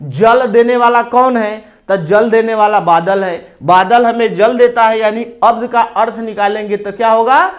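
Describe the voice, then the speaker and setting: A man with a very high voice and an eastern Uttar Pradesh accent teaches a classroom Hindi grammar lesson. He talks slowly, explaining step by step. He often asks a question and then answers it himself.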